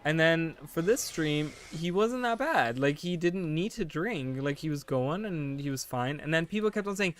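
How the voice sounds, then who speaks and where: This late-twenties man talks animatedly while streaming a game, his voice on the high side and moving at a moderate pace with few pauses. He rambles and thinks out loud, correcting himself as he goes and leaning constantly on "like" and "you know."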